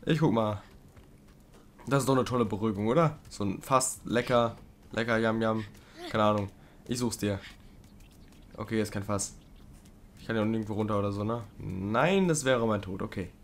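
A man doing casual let's play commentary, chatting with the game creature, pleading loudly at times and muttering low at others. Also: normal speed, pauses often, a little hiss or hum. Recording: game music playing underneath. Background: game music.

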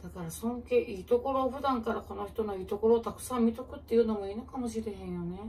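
A woman comedian with a Kansai accent, musing aloud in relaxed casual chat while she preps food, answering viewer comments. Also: fairly high pitch, fast talker. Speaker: comedian and channel host. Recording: distant mic with faint kitchen noise.

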